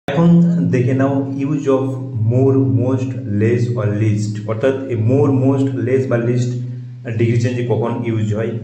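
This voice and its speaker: A man teaching a grammar lesson. He asks questions and answers them himself, repeats his points, and reads example sentences slowly and carefully. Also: medium pitch, mellow. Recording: echoey room.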